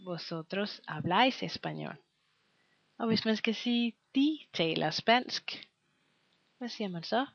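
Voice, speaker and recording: A woman teaching a scripted language lesson, slowly and patiently quizzing the listener and pausing for answers. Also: mid-range voice, animated, gravelly, no echo. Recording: dull lo-fi, dry recording.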